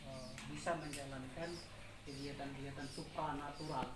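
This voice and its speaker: A man's voice: mid-range voice, level tone, normal speed. A male interviewer who prompts his guest with questions and frequent murmured acknowledgments. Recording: echoey, far from mic, noisy.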